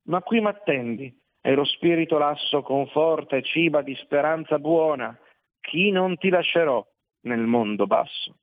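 A man reading the lines of a wise, stern older poet who guides the traveler, speaking calmly and with measured reassurance. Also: a little high, dry recording. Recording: tinny narrow-band dry recording.

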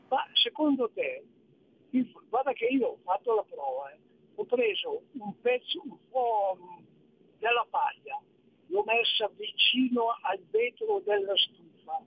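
Caller: man over a tinny phone line, gravelly and husky, indignant and lecturing. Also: very high-pitched, slight background noise. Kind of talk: call-in radio rant. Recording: narrow phone-line audio.

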